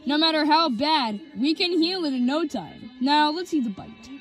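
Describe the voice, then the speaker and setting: A woman's voice: sits high, expressive, moderate pace, soft background music. A woman doing a chipper TV-headed helper.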